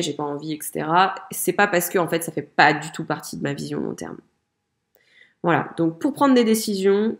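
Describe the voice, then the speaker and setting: Low gravelly woman, chatty. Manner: chatty, many fillers, addresses listeners directly. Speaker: podcast co-host. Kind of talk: casual motivational podcast talk.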